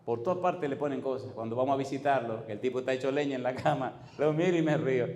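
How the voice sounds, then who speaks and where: Dominican male pastor, mid-pitched, fiery preaching full of rhetorical questions, recorded in a reverberant hall. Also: fairly even intonation, fast, darkish tone. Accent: Dominican Spanish. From Dominican Republic. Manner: preaching with fervent, rising exclamations and rhetorical questions. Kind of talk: sermon.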